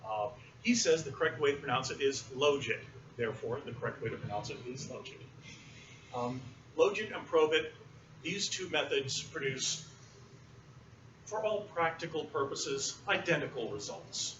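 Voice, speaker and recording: A male university lecturer teaching a class in a relaxed, explanatory way, often pausing with fillers. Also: fairly high pitch. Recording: roomy, muffled, distant classroom recording with noise.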